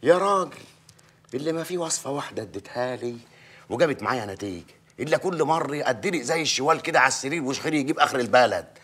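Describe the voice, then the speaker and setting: An actor with an Egyptian accent playing a crude, tyrannical village mayor in a TV drama, barking threats. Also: male voice, mid-range voice, expressive, very fast, fairly bright tone, breathy edge. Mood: mocking. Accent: Egyptian Arabic. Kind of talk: TV drama acting.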